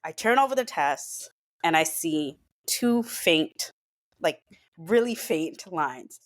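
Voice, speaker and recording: A woman's voice: low voice, lively intonation, slow. A young woman as a podcast guest, telling a personal story in an earnest, emotional way, with lots of filler words. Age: young adult.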